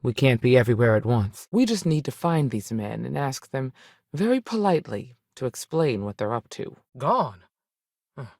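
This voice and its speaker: A woman voice actor performs scripted video game dialogue as a strict, principled frontier ranger, plain-spoken and authoritative with a folksy turn, in a steady, firm mood. Her exaggerated voice is very deep and very animated, slightly mellow, at a moderate pace, recorded with studio quality and no echo.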